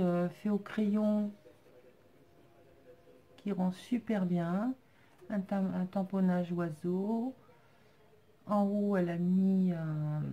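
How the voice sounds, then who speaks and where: Slow, mellow-voiced woman chatting crafts. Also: fairly low pitch, muffled recording. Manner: chatty, thankful, many hesitations. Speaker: crafting vlogger. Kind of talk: casual chat unboxing craft mail.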